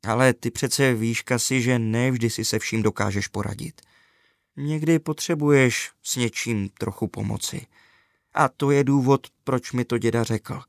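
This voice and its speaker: A man voicing a caring mother in a children's story, speaking calmly and soothingly to her son. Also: medium pitch, gravelly, no room sound, clean studio sound, natural voice.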